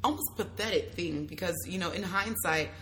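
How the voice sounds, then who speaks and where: A young adult woman, a travel content creator, talking casually as an interview guest, lively, slangy and quick to laugh. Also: on the low side, slight background noise. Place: at a travel festival.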